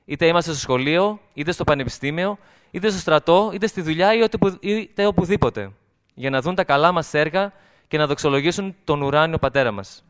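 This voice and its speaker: A man's voice: on the high side, animated, clean tone. A man speaking in church, closing an earnest exhortation that lists places in repeated phrases. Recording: long hall reverb.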